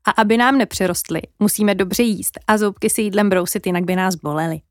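A woman's voice: mid-range voice, no room sound, clean studio sound, lightly acted. A woman voicing a friendly little male hare in a children's story. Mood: cheerful.

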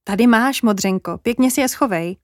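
A woman's voice: a little high, dry recording, clean studio sound, natural voice. Woman voicing a little storybook girl, curious, kind, eager, slightly raised voice.

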